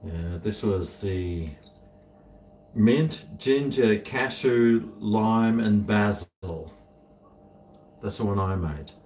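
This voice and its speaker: A man's voice: fairly low pitch, extremely slow, long pauses, a little mellow. A man with a broad New Zealand accent chatting casually to viewers, rambling and thinking aloud in a laid-back way. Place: indoors, home kitchen. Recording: echoey room, distant mic, faint noise.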